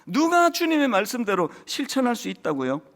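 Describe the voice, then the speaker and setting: A man's voice: very high voice, huge pitch swings, brisk, a bit bright. A man in his fifties, a senior pastor giving a conversational sermon, telling stories and speaking straight to the congregation. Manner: chatty storytelling, addresses congregation directly. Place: church service.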